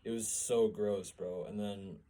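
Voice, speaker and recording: A man's voice: lowish voice, steady tone, measured pace, a crowd in the background, poor audio. A young man, a podcast co-host, telling a story in casual chat, swearing and laughing as he goes.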